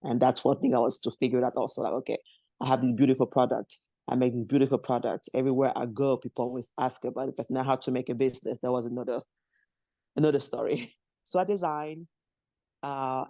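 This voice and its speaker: A woman's voice: very deep voice, mellow, no room sound. A woman from Congo, a guest on a podcast interview, telling her story in loose non-native English, laughing often and acting out the voices of people she quotes. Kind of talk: conversational interview.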